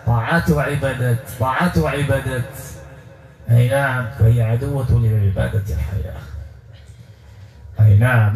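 A man's voice: mid-range voice, dark tone. A man leading a ruqya exorcism session, speaking insistently and repeating commands over and over. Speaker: ruqya healer. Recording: echoey room with faint music.

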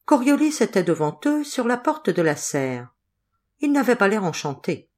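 A woman with a mid-range voice narrates a novel as an audiobook reader, delivering the scripted text in a measured, expressive way.

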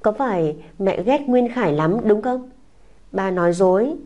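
In an audiobook, a woman voices a small tearful boy who clings and pleads, sobbing and whining like a child. Her medium-pitched voice is natural and expressive, a little slow and dark-toned, and the audio sounds dull.

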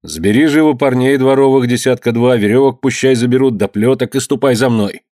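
A man's voice: mid-range voice, brisk, dark tone, no room sound, clean studio sound, lightly acted. A man voicing a stern young master who speaks harshly and gives commands in an old-time storybook tale. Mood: impatient.

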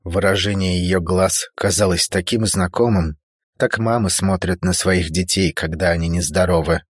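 A man narrating a novel in a measured, dramatic storytelling manner. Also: deep voice, fairly even intonation, slightly rough, no echo, studio quality. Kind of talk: scripted audiobook narration.

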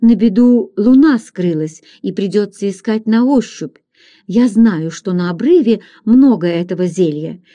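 A woman reading aloud, voicing a gruff, blunt frontier hunter who talks in a low, plain manner. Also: lively intonation, unhurried, mellow, dull audio, natural voice.

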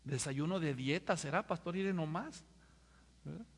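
A man's voice: a little high, moderate pace. A male pastor, preaching a sermon and firing rhetorical questions at the congregation. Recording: long hall reverb.

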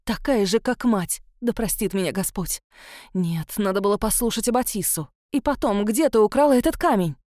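A woman's voice: animated, normal speed, darkish tone, no room sound, studio quality, close to an everyday voice. A woman reading an audiobook voices a spiteful, sanctimonious old countess who hisses and scolds with scorn. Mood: scolding. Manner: hissing, scornful, shrill scolding. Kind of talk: audiobook character voice.

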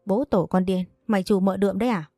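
A woman voicing a sharp-tongued older female servant who scolds fast and complains glumly. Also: medium pitch, steady tone, dry recording, clean studio sound, soft background music, close to an everyday voice. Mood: scolding.

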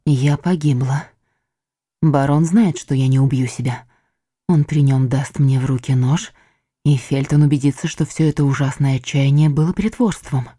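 A woman's voice: very deep voice, fairly even intonation, normal speed, mellow, husky, dry recording, clean studio sound. A woman voicing a cunning, desperate young noblewoman in an audiobook, speaking in a theatrical, imploring way. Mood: scheming. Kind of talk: audiobook reading.

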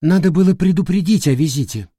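A composed young woman who speaks levelly and can turn commanding, as a male reader puts her on. The voice is raised above his plain register with a husky grain. It is an audiobook character. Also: a little high, fast talker, dark tone, dry recording, studio quality, pitched above the performer's own voice. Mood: dry. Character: young woman, calm and firm homeowner.

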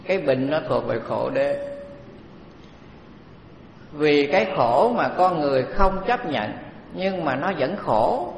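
A man giving a Buddhist dharma talk, unhurried and conversational, with many pauses. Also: on the high side, lively intonation, creaky, slight background noise. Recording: echoey hall, faint background ambience.

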